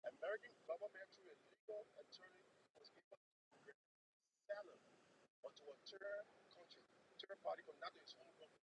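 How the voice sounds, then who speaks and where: A man's voice: huge pitch swings, fairly quick. A man, a call-in guest arguing a point, repeating his words, heard on a phone held away from his mouth. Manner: repeats words while arguing, pitch swings widely. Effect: phone held away from the mouth, sounds far off. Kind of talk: heated discussion on a phone call. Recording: distant noisy phone line with vehicle noise.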